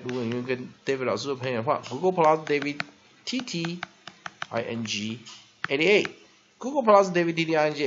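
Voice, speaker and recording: A male English teacher with a Taiwanese Mandarin accent walks through syllables and stress, drawing out example words slowly and sprinkling in a filler "ha". His pitch swings widely as he explains. The recording sounds dull and lo-fi. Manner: drawn-out repeated demonstration words, frequent filler "ha". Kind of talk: vocabulary lesson.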